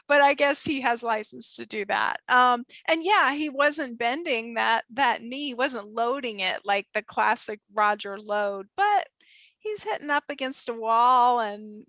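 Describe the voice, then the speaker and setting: A woman co-hosting a tennis podcast, chatty and animated, often laughing. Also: fairly high pitch, no room sound. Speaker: podcast co-host. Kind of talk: casual podcast chat.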